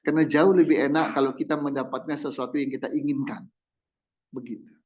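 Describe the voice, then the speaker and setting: A man preaching a sermon as a pastor, animated and jokey, often mimicking loud, demanding prayers. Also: medium pitch, fairly quick, dull audio, slight background noise.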